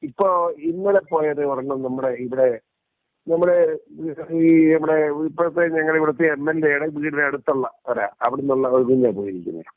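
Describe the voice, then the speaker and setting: A man heard over a narrow, tinny phone line, his voice sitting a little high for a man. He talks quickly and emphatically, circling back to repeat his points. The line is dry, with no room sound around him. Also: no room sound. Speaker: interviewee. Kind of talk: casual phone conversation.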